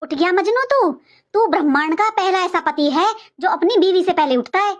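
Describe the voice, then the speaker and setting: A woman's voice: very high voice, lively intonation, moderate pace. A woman playing a talkative middle-aged mother-in-law who scolds sharply but cares about her family. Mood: scolding.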